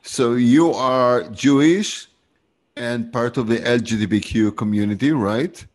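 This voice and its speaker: A man hosting a casual video-call interview, halting and repetitive, with a joking streak. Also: medium pitch, darkish tone. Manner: halting, repeats himself, jokey. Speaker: interview host.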